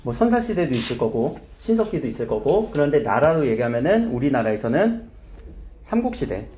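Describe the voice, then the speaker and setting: Male classroom teacher, lively pitch, coaxing questions at students, repeats key terms. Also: brisk. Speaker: high school Korean teacher. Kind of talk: classroom grammar lesson.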